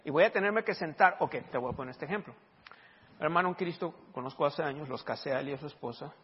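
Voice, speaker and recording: Pastor preaching in an echoing hall. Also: male voice, fairly high pitch, quick pace, breathy edge. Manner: animated, acts out dialogue loudly. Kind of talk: sermon with storytelling. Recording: dull reverberant hall recording.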